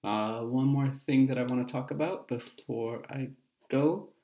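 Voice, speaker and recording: A man's voice: medium pitch, fairly even intonation, unhurried, dark tone, reverberant. A man teaching a recorded lesson in a casual, explanatory way with frequent filler words.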